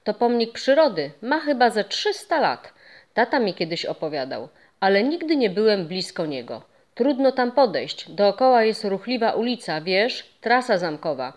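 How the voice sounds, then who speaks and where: A woman's voice: medium pitch, sing-song, normal speed, natural voice. A woman voicing an eager young boy in a storybook reading, curious and pleading for stories.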